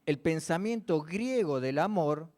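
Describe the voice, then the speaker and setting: Questioning Argentine preacher, fairly high voice. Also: male voice, animated, measured pace, a little mellow. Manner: asks the congregation questions and answers them. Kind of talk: church sermon with slides.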